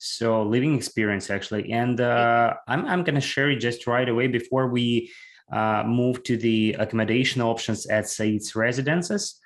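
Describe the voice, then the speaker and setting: A man's voice: medium pitch, moderate pace. A man hosts an online webinar in an ordinary mid-range voice. He makes brief, stumbling transitions, repeating words as he sets up the next part. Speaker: webinar host. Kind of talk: webinar moderation.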